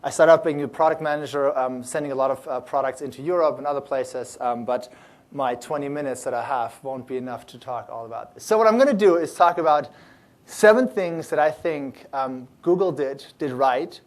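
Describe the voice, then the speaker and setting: A man who founded a startup accelerator giving a conference talk to an audience, talking loosely with many fillers and restarts in an upbeat, animated way. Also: on the high side, moderate pace.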